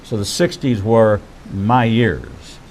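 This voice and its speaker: A man in his sixties hosting a faith-based interview, speaking in measured, preacherly phrases. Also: lowish voice, expressive, darkish tone, slight background noise, low-quality recording. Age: 60s.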